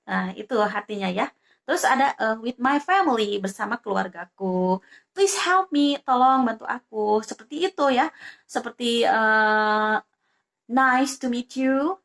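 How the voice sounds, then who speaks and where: A woman's voice: on the high side, fairly bright tone. A woman vlogger giving casual tips to her viewers, talking chattily with many hesitant fillers and restarts. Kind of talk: casual tutorial talk to camera.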